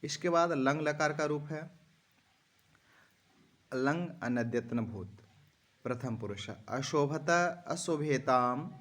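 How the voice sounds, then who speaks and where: A man teaching a lesson at a slow, unhurried pace, chanting lists of verb forms in a steady sing-song recitation. His voice sits at an ordinary middle pitch, and he turns to speak plainly to his students between the lists. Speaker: Sanskrit teacher. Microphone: phone screen recording.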